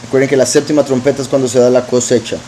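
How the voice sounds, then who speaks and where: A man's voice: medium pitch, level tone, racing, mellow, slight background noise, rough recording. A man preaching, reading verses aloud and explaining them with frequent asides. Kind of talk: scripture teaching.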